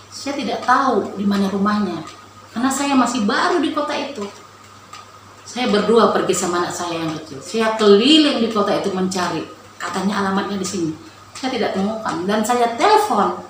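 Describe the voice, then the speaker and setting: Woman, personal testimony, earnest emotional telling, mid pitch, echo-heavy room recording. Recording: very echoey room with background noise.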